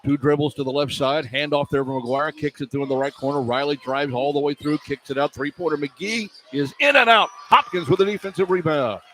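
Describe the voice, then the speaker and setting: Delivering radio play-by-play from an indoor basketball arena, the announcer rattles off the action in short running phrases with hardly any pauses. His voice is on the high side, fairly quick and fairly bright, and the live broadcast has background noise.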